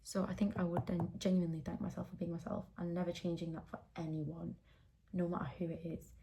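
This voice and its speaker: A woman's voice: lowish voice, level tone, fast talker, creaky, dark tone, a little hiss or hum. A young woman chatting candidly while getting ready, rambling with lots of fillers. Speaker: beauty vlogger. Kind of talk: casual chat while doing makeup. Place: indoors at home, getting ready.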